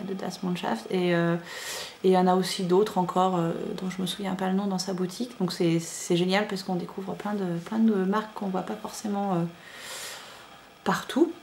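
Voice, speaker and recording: A woman in her thirties, chatting casually as a knitting podcaster, rambling with many fillers and asides. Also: mid-range voice. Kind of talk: casual chat showing yarn to camera. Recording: echoey room with faint ambient noise.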